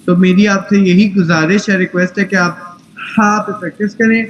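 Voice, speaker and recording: A man's voice: high voice, steady tone, roomy sound, muffled recording, a little hiss or hum. A man teaching tajweed in an online class, patient and corrective, mixing English phrases into his speech. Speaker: Quran recitation teacher.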